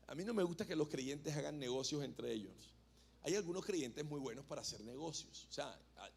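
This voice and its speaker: A male pastor preaching a sermon in a church, chatting and joking with the congregation between points. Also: on the high side. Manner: conversational, jokes with the congregation. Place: church hall.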